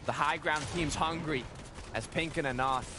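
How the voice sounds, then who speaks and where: A man's voice: fairly high pitch, moderate pace. A man giving live esports play-by-play commentary in short, punchy, suspense-building phrases. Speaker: esports caster. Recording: game gunfire and vehicle noise behind. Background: video game gunfire and ambience.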